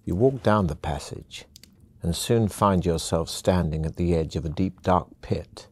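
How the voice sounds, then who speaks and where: A man giving steady, measured second-person scripted narration for an adventure game. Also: deep voice, husky.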